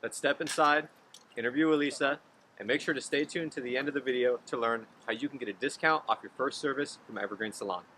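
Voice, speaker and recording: A man interviewing a salon owner in a casual, friendly way, often pausing with fillers and restarting sentences. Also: mid-range voice, sharp tone, slight background noise, low-quality recording. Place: salon, outdoors then indoors.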